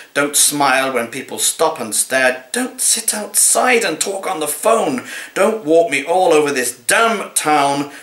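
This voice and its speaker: Speaking as a cat, an actor in his sixties performs comic poetry with a slow, dramatic, expressive flair. His voice sits in the mid range. The recording was made indoors in a small living room and carries a spacious, echoing sound.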